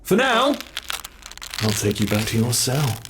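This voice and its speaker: A British man plays a cruel male monster holding a human captive in an ASMR horror roleplay, taunting slowly and mockingly with gloating menace. His medium-pitched voice swings hugely in pitch, with background noise present.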